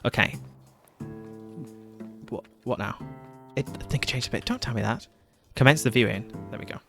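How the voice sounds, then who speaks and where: A man's voice: medium pitch, normal speed, vocal fry, sharp tone, soft background music. A man streaming a game, chatting casually, laughing often and reading game text aloud. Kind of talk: casual gaming commentary.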